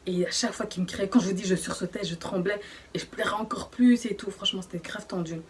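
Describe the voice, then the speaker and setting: A young woman telling a personal story in a casual, slangy way, often hushed, with many fillers. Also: medium pitch, fast, husky. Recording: voice distant from the mic.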